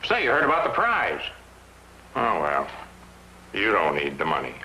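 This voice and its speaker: An actor playing a friendly town drunk in an Old West comedy, talking in a folksy, ungrammatical way. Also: male voice, low voice, wildly swooping pitch, moderate pace, pushed and bright, echoey room, slight background noise, heavily acted, low-quality recording. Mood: chatty, curious. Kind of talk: western screen comedy acting.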